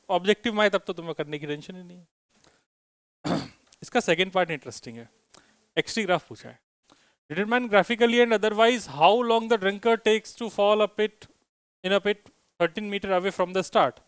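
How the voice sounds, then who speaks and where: High-voiced man teaching physics. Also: lively intonation, moderate pace, clear, resonant tone, dry recording, clean studio sound. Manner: asks students questions, teasing and joking. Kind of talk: classroom lecture with students. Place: classroom.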